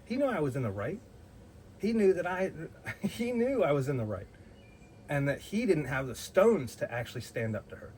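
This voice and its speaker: A man's voice: on the high side, big pitch swings, normal speed, darkish tone, a little hiss or hum, poor audio. A man telling a personal story in a blunt, heated way, swearing freely and often restarting his sentences. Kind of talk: casual storytelling.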